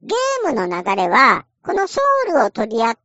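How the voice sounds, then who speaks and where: A woman's voice: on the high side, huge pitch swings, normal speed, bright, forceful tone, no echo, muffled recording. A woman casually explaining a game in a chatty, playful way, acting out little quotes as she goes.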